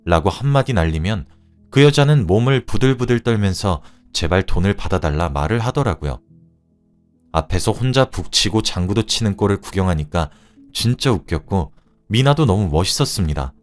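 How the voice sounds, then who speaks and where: A low-voiced man reads a true-life story aloud as narrator, animated and expressive. His tone rises and falls over a wide range, with faint music playing underneath. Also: normal speed.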